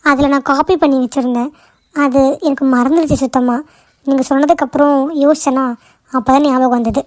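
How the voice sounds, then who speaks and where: A tearful young woman employee pleads for reassurance in a high voice, as a woman acts her out. The cartoon sound is dry and close. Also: steady tone, fairly quick, darkish tone, no echo, close to an everyday voice. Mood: earnest. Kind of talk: cartoon voice acting.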